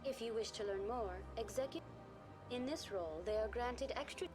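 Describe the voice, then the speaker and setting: Brief: a courteous female computer guide, too smooth, a touch synthetic, fairly high voice, game music under it. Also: normal speed. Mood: polite. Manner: polished, courteous, evenly scripted. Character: calm female virtual guide program, polite and smooth. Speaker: station guide.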